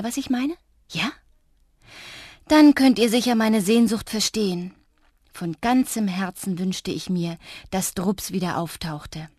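A woman narrating a children's audiobook expressively in the first person, often dropping to a soft hush. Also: on the low side, no echo, studio quality.

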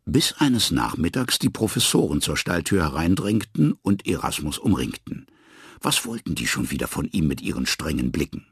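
A man with a deep, gravelly voice reads a children's story aloud in an expressive, lively way. His pitch swings widely up and down, and he sounds husky. The sound is close and dry. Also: normal speed, no room sound.

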